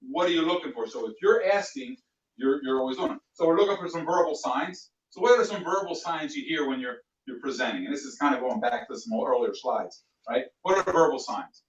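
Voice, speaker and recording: A man leading a sales training class, animated and acting out customer exchanges. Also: medium pitch, a little fast. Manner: animated, plays out customer dialogues. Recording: echoey room, distant mic, dull sound.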